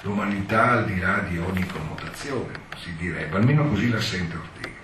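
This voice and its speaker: Male lecturer, lowish voice, explanatory and digressive; distant mic in a roomy hall. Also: lively intonation, brisk, a bit bright, slight background noise. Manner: digressive, explanatory, with many asides. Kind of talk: lecture, reading and explaining a text.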